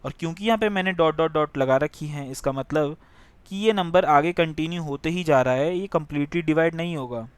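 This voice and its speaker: Guy teaching math, slightly high smooth voice, close and dry, keeps asking if it's clear. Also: moderate pace, no room sound. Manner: explains step by step, often asks if it is clear. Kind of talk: online math lesson.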